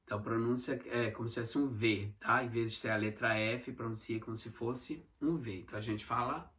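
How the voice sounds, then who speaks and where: A man with a Mineiro Brazilian accent gives an online English lesson. His voice is bright and sits at a middle pitch. He drills each new word several times, checking in with short "tá?" asides. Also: fairly even intonation. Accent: Mineiro Brazilian Portuguese. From Minas Gerais, Brazil. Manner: slow, repeated pronunciation drills with frequent "tá?" check-ins. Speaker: English teacher.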